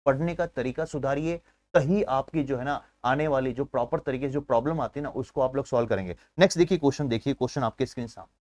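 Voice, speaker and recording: A man teaching an exam-prep science class, energetic, building memory tricks and calling viewers his friends. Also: mid-range voice, fast talker, no room sound. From India. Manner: energetic, uses memory tricks and asks himself questions; keeps addressing viewers as friends.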